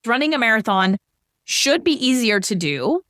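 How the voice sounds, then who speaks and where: A woman's voice: fairly high pitch, sing-song, moderate pace, a bit bright, dry recording, studio quality. A middle-aged woman on a financial podcast, explaining goal-setting with everyday examples in a conversational way.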